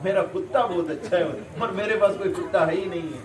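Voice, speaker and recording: A man from Kerala, speaking to parents as a visiting Islamic scholar. He asks rhetorical questions, answers them himself, and repeats sounds to drill pronunciation. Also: sits high. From Kerala, India. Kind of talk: speech to parents. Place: madrasa hall. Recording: echoey hall from far off.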